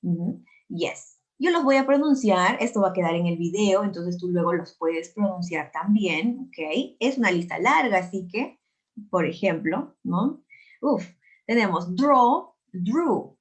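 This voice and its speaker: A woman's voice: lowish voice, animated, measured pace. A woman from Peru teaching English in a recorded video lesson, speaking with a Peruvian Spanish accent and patiently drilling words by repeating them.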